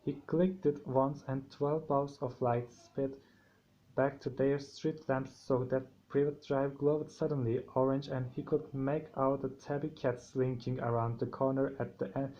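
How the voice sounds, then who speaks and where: A man with a sore throat reading a novel aloud, halting, with frequent restarts and slips. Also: medium pitch, dark tone, a little hiss or hum. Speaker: amateur audiobook reader. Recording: dull lo-fi home recording.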